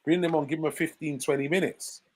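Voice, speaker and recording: A man's voice: a little high, steady tone, quick pace, darkish tone, poor audio. A man on a football panel, making emphatic points and asking rhetorical questions. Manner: emphatic, pushes his argument with rhetorical questions. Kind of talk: casual live-stream football chat.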